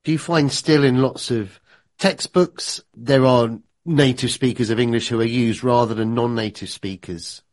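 A man's voice: medium pitch, moderate pace. A man hosting a podcast who asks a guest questions in a conversational, reflective way. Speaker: podcast host. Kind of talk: interview questions.

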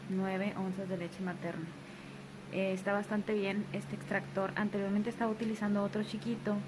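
A chatty woman, talking casually in her bedroom as a new mother vlogger. She often repeats phrases and slips into affectionate cooing. Her voice sits at a middling pitch with an even, narrow range, and steady background noise runs under the home recording.

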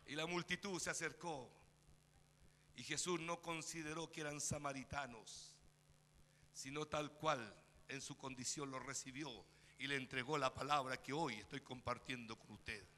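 A man with a Chilean accent preaching a fervent sermon in a church, calling out to the congregation and rising to shouts. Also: medium pitch, fairly even intonation, moderate pace, long reverb tail, slight background noise. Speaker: pastor. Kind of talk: Spanish-language sermon. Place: church sanctuary.

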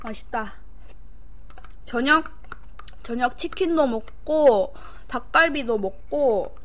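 A woman's voice: sits high, expressive, slow pace. A young woman hosting a live-stream eating show, chatting casually with viewers as she eats, at times playful and singsong. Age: young adult. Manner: talks while eating, with short murmurs between phrases. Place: small room indoors. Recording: dull, lo-fi stream audio.

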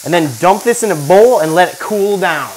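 A man in his thirties hosts a casual cooking demonstration in his home kitchen, laid-back and joking with the camera as he works. His voice sits high and expressive with a darkish tone, at a normal speed. The low-quality recording carries a little hiss or hum.

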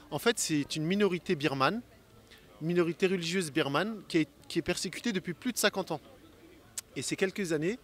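Young male street interviewer, earnest, a bit high-voiced, outdoors on a square. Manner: earnest, explanatory. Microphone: handheld mic.

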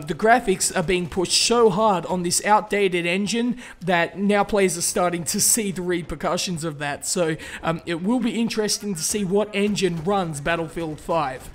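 Young Aussie YouTuber, higher-pitched man, chatty and upbeat, answering viewer questions casually. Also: moderate pace, few pauses. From Australia. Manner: chatty and upbeat, with fillers and restarts. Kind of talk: casual Q&A vlog.

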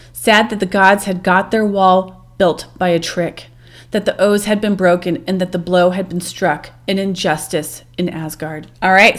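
A woman storyteller reading a legend aloud at an even, measured pace. She later drops into relaxed, informal vlog chat with fillers and asides to her viewers. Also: mid-range voice. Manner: steady reading, then chatty and informal. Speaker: storyteller and channel host. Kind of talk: myth read-aloud, then casual vlog chat.

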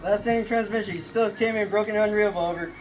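A man's voice: high voice, fairly even intonation, quick pace, background noise. A man doing a radio check on a two-way military radio, using clipped procedure talk in a comedy skit. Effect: talking over a two-way military radio.

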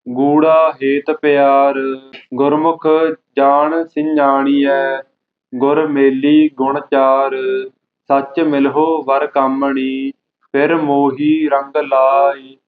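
A man reciting Sikh scripture line by line in a measured chant, as a student in a lesson. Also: medium pitch. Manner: very slow, flat, measured reading line by line. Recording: tinny phone-like audio.

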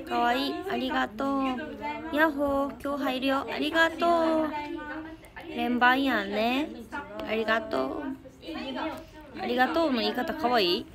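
A woman's voice: high voice, steady tone, normal speed, a loud crowd. Chatty teen girl with Kansai accent. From Japan. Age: teens. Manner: chatty, thanks viewers often, giggles. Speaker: idol livestream host. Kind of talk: casual livestream chat reading comments.

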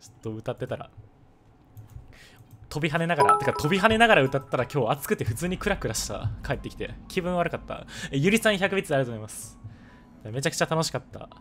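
A man with a hoarse voice, chatting casually while live-streaming a game and thanking viewers for donations. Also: on the high side, very animated, fast talker, a bit bright, faint music behind.

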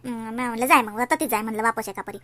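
A woman's voice: fairly high pitch, very fast, bright, forceful tone. A woman in a village comedy sketch, trading fussy, chatty banter.

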